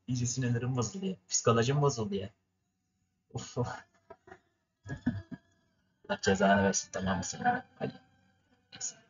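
A man's voice: medium pitch, very animated, normal speed, long pauses, husky, highs cut off. A young man from Turkey commentating his racing game for viewers, ranting and cursing at it in frustration. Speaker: gaming streamer. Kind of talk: gameplay commentary.

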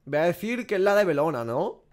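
This twenty-something man from Spain has a high voice with big swings in pitch, a slightly quick pace, and a somewhat mellow tone. Streaming games from a small home room, he thinks out loud in casual, slang-heavy reactions full of swearing.

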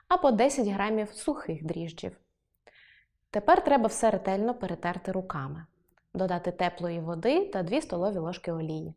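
Woman, online teacher, higher-pitched, clear and lively, studio-recorded lesson. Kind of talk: online lesson, scripted explanation. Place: film studio.

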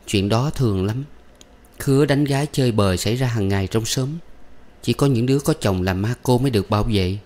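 A man voicing a gentle, earnest young soldier. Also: medium pitch, a little fast, voice pushed up, close to an everyday voice.

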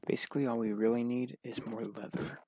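Gravelly-voiced man mumbling gameplay thoughts. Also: medium pitch, fairly even intonation, brisk, noisy background. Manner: mumbled, musing to himself. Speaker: let's play gamer. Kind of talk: casual gameplay commentary.

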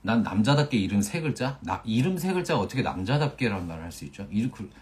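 A man's voice: lowish voice, sing-song, fast, a little mellow. A young man in his twenties casually chatting on a phone livestream, playfully reading out viewer usernames and joking when he stumbles over them. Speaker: actor hosting a fan livestream.

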